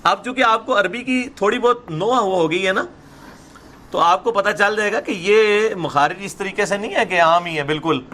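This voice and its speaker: A middle-aged man gives a lesson on recitation in a bright, forceful voice. He explains each sound carefully, then draws the words out slowly for his listeners to repeat, dropping into asides now and then. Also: sits high. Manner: slips into Punjabi asides. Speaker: religious lecturer teaching prayer recitation. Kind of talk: classroom lesson with slow drawn-out recitation.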